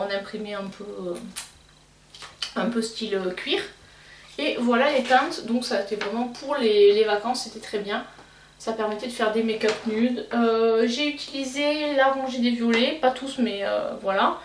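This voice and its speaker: A woman's voice: a little high, normal speed. Young Belgian woman, casual beauty chat, hesitant, distant roomy sound, light background hiss. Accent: Belgian French. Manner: hesitant, many fillers and restarts. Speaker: beauty vlogger. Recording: roomy, slightly distant mic, faint noise.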